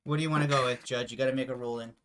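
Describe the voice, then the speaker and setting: A man's voice: medium pitch, steady tone, racing, fairly bright tone. A man playing a tabletop wargame, thinking aloud and correcting himself as he decides moves. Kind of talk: casual game-table chat.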